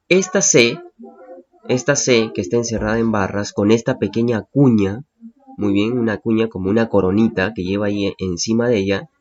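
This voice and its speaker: A man's voice: on the low side, a little mellow, muffled recording. A male teacher patiently explaining phonetic symbols to students, repeating key points and checking understanding.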